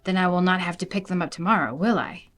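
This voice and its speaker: A woman's voice: lowish voice, quick pace, faint music behind, close to an everyday voice. A woman voicing a grumpy, mopey male storybook toad who puts everything off, plaintive and exclamatory. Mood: bargaining.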